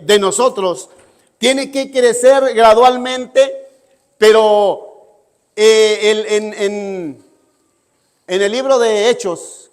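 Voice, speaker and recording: Guy preaching, high voice, keeps asking "right?", big echoey church. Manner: emphatic, asks listeners "¿sí?" often. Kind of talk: sermon. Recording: long hall reverb.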